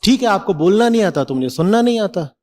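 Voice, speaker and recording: During a live question session in a large festival hall, a middle-aged spiritual teacher answers bluntly, teasing and tossing out rhetorical questions. He talks fast in a high-pitched, somewhat mellow voice with lively intonation.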